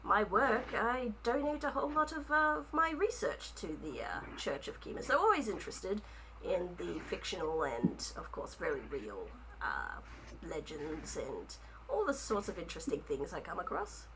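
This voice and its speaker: Woman voices a shy, chatty rabbit-folk author man, lively rising pitch, noisy background, storybook game. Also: normal speed. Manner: chatty, flattered and stammering.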